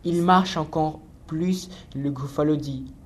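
A man reads a rhymed children's story aloud, clear and rhythmic. His voice sits a little high for a man. He keeps the verse moving at an even pace. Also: slow pace, a little hiss or hum. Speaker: narrator. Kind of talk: storybook narration.

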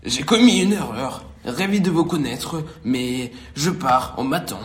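A man voicing a big, mean, hungry male dragon in a storybook reading, slow and booming. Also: lively intonation, gravelly, fairly bright tone, roomy sound, exaggerated voice. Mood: sheepish.

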